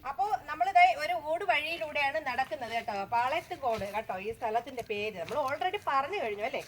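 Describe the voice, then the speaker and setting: A woman with a high voice and a southern Kerala Malayalam accent chats as she walks on a travel vlog. She repeats her phrases and often turns to viewers with little tag questions. The recording is outdoors, with light noise behind her. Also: animated, a little fast. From Kerala, India. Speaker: travel vlogger. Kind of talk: casual walking vlog commentary. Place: outdoors, walking through a village and rocky hill.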